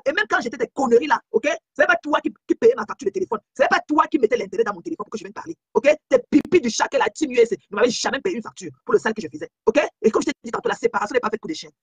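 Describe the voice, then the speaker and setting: A woman's voice: high-pitched, no echo. A woman hosting a live stream on her phone, talking in an emphatic, scolding way. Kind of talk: casual live-stream chat.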